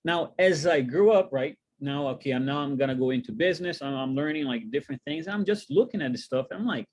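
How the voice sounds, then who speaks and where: Husky man from Brazil, animated webinar talk. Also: fast. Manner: animated, rising pitch on rhetorical questions, many fillers. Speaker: co-host, wealth coach. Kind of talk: casual webinar chat.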